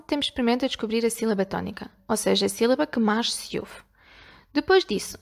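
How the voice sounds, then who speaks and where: A woman teacher with a European Portuguese accent giving a video lesson, speaking clearly and didactically, drawing out example words slowly and checking in with the viewer. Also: on the high side. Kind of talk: video lesson explaining grammar.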